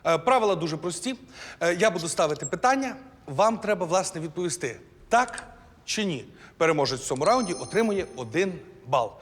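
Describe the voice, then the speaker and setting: A man's voice: sits high, animated, a little fast, big-room sound. A man hosting a language quiz show in a playful, teasing way. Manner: teasing, jokey.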